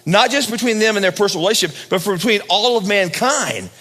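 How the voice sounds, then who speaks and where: A pastor preaching a sermon at a pulpit microphone, swinging from loud high emphasis down to low hushed lines. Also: male voice, lively intonation, fast, in a large hall.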